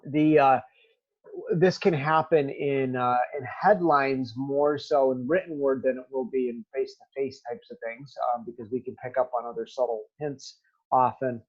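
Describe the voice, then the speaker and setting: A man teaching a recorded remote lesson, talking straight to his students in a halting way with many ums. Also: mid-range voice, steady tone, lo-fi sound.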